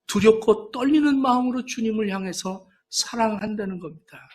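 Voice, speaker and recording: A male pastor preaching a sermon, asking the congregation rhetorical questions and moving between hushed lines and raised, emphatic ones. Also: sits high, moderate pace.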